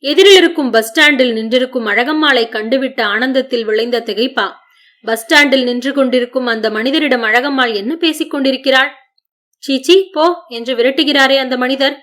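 A woman reads a short story aloud as an audiobook narrator, with a fairly high voice. Her delivery is measured and expressive, shaping each line as scripted storytelling.

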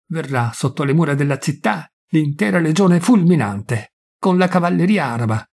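A man reading aloud and voicing a stern Roman governor who talks slowly and threatens with fierce scorn. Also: on the high side. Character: stern older male Roman governor, weary and menacing.

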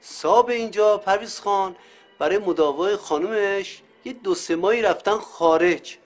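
An actor playing a humble middle-aged caretaker who speaks politely and deferentially. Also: male voice, high voice, faint music behind, natural voice. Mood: hesitant.

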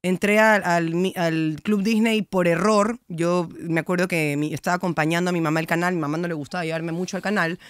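A young woman with an Ecuadorian accent, chatting as a guest on a podcast and telling stories in a lively, slangy way. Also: lowish voice, brisk, hardly any pauses, clear, resonant tone, dry recording, clean studio sound. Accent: Ecuadorian Spanish. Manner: lively, animated storytelling with slangy asides. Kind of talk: casual interview chat.

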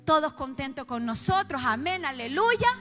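High-voiced Chilean woman preacher. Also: expressive, normal speed, soft background music. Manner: emotional, swings from soft confiding to loud outbursts. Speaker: pastor. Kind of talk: sermon testimony.

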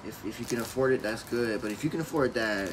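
A young man speaks in a mid-range voice, earnest and a little repetitive as he makes his case in a home vlog. Clear background noise runs under his voice throughout. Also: medium pitch, fast. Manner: earnest, repeats points with "you know". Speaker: family vlogger and small business owner. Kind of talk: casual home chat.

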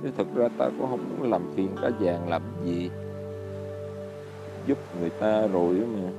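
A man's voice: sits low, normal speed, highs cut off, over loud music. A man with a Southern Vietnamese accent playing a poor, easygoing old fisherman who chuckles and hesitates as he talks. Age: older. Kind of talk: fairy-tale drama acting.

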